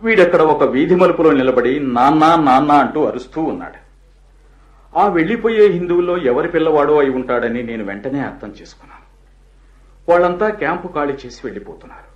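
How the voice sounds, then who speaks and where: An actor playing a gentle husband who tells his wife how he found a lost boy, in a radio play. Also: on the high side, brisk, lightly acted. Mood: recounting. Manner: tender, lively storytelling tone. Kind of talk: radio drama acting. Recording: echoey, dull lo-fi radio drama recording.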